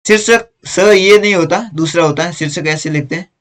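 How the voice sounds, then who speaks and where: A man's voice: fairly high pitch, brisk, a bit bright. A male teacher patiently going through workbook exercises step by step, explaining corrections. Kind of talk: workbook lesson walkthrough.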